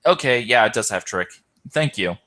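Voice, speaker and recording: Commentating and hosting an online game tournament, this man is tired and keeps yawning. His lowish voice is expressive, pushed and bright at a normal speed, yet he hesitates, often saying um and correcting himself.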